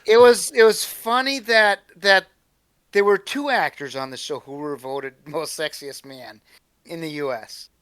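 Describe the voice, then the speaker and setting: Halting man with a smooth voice. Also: on the high side, a bit bright, dry recording. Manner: halting, rambling. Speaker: co-host. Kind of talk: casual chat.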